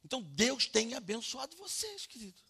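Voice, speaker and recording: Husky, emotional Brazilian man preaching. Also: very high voice, huge pitch swings, moderate pace. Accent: Brazilian Portuguese. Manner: swings from soft to loud, preaching with emotion. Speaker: pastor. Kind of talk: evangelical sermon.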